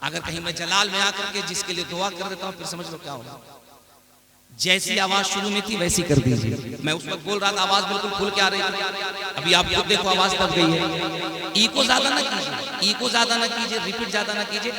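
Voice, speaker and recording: A man preaching at a large religious gathering, chanting the Arabic opening slowly and melodically, then directing the crowd and the sound operator. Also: sits high. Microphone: stage PA microphone. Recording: echoey outdoor PA with loud crowd.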